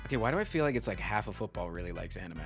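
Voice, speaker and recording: Fast-talking teasing young streamer guy. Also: fairly low pitch, very animated, soft background music. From Virginia, US. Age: 20s. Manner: teasing, joking banter. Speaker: streamer host. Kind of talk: casual live-stream chat.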